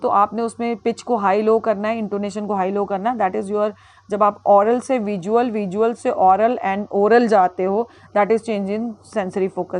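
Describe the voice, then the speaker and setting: A woman's voice: mid-range voice, darkish tone. A woman teacher lecturing on classroom teaching skills. She switches between Hindi and English, with frequent fillers and self-corrections. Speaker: teacher educator.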